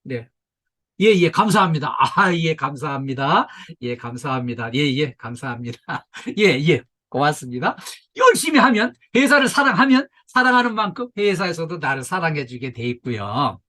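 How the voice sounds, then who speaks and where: An older man giving a workplace safety lecture to staff, lively and coaxing, now and then mimicking nagging voices and leading the room through stretches. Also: on the high side, moderate pace. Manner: leads audience through stretches. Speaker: safety instructor.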